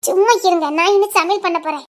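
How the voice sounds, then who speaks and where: A woman's voice: very high-pitched, fairly even intonation, fast. A woman playing a chatty, teasing wife in a colloquial family drama.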